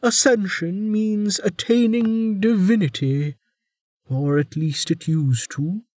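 Man doing ancient female warden, sardonic, raised pitch, slow mocking drawl, dry close audio. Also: darkish tone, no echo. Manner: drawling, mocking, with slowed emphatic words. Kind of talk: audiobook character voice.

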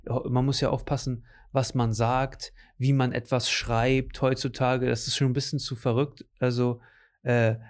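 A man chatting casually in a relaxed, slangy way, full of fillers and "you know what I mean" tags. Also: mid-range voice, a little slow. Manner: relaxed, slangy, lots of fillers and tag questions. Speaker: conversation partner. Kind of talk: casual chat.

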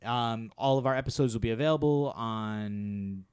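A man's voice: medium pitch, smooth, dry recording, studio quality. A man co-hosting a podcast, chatting casually and often restarting his phrases. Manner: halting, restarts phrases, wraps up the show. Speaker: podcast co-host. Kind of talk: casual chat.

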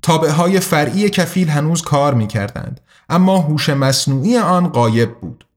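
Man with a slightly high narrating voice. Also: expressive. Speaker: audiobook narrator. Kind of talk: scripted narration.

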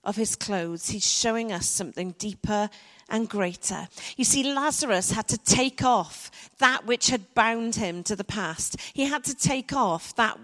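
A woman delivering a sermon at an unhurried pace, letting soft pauses land between phrases. Her voice is mid-pitched, and the sound carries a long reverb from the church hall around her. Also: expressive. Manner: slow, reflective delivery with soft dramatic pauses. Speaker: preacher.

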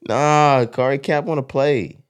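A man's voice: mid-range voice, steady tone, a little slow, clean tone, dry recording, clean studio sound. A man co-hosting casual sports banter in a crude, slangy, profane frat-bro manner, joking around. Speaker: podcast co-host.

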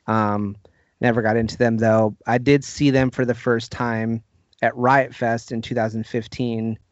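A man co-hosting a casual podcast about music, reading out album facts in a brisk list. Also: mid-range voice, little pitch movement, no room sound, highs cut off. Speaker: podcast co-host. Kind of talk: casual chat.

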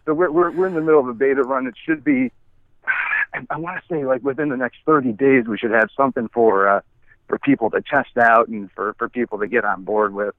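A man's voice: medium pitch, brisk. A man in his forties calling in by phone while walking his dog, talking casually with many restarts and plenty of swearing. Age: 40s. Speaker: guest app founder. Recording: tinny phone line.

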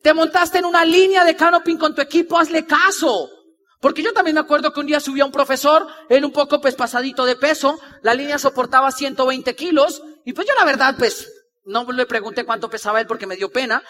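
This motivational speaker, a man with a high, bright voice, talks briskly and energetically to a crowd from the stage. He repeats himself and animatedly acts out the people he quotes, captured live with long hall reverb.

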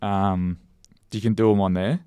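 A man's voice: lowish voice, steady tone, a little slow, mellow, clean tone, dry recording, studio quality. A young man with a broad Australian accent, co-hosting a podcast with matey, rambling, slangy talk. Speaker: podcast co-host. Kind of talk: casual podcast chat.

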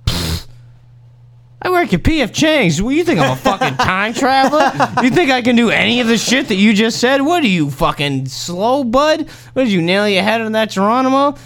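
A man's voice: very high-pitched, sing-song, normal speed, fairly bright tone, pitched above the performer's own voice, exaggerated voice. A man voicing a rude, mocking restaurant manager who sneers and rants sarcastically. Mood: sneering.

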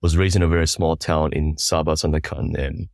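A man in his thirties from Malaysia, a worship ministry leader telling his story in a podcast interview, halting with many restarts. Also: a bass voice, fairly even intonation, creaky, darkish tone, no room sound, studio quality.

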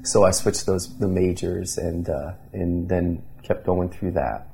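A man in his thirties from Indiana speaks as a pastor being interviewed. His voice sits low with a gravelly edge and a husky, mellow tone. He talks earnestly, restarting his sentences often. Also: fairly even intonation, a little slow. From Indiana, USA. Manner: earnest, many restarts and fillers. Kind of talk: conversational interview storytelling.

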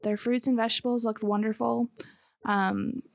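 Creaky-voiced American woman, casual co-host. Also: on the high side, steady tone, moderate pace, dry recording. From Michigan, United States. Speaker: podcast co-host. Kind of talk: casual conversational chat.

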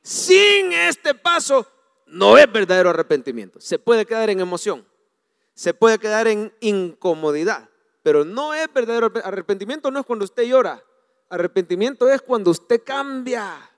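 A man preaching a sermon as pastor, swinging from hushed asides to loud, animated appeals. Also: high voice, normal speed. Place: church. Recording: hall reverb.

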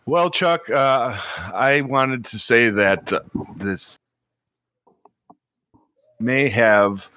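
A man chatting casually on a podcast, halting with fillers, while his microphone glitches and keeps cutting in and out. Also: mid-range voice, bright, forceful tone, dry recording. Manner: halting, many fillers and restarts. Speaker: podcast co-host.

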